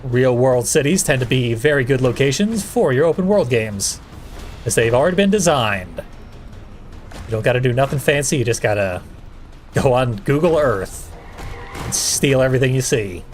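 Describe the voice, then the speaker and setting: A man's voice: medium pitch, animated, normal speed, faint music behind. A man giving casual, dryly sarcastic commentary as the host of a video game playthrough. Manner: dry, sarcastic wisecracking. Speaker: let's play host.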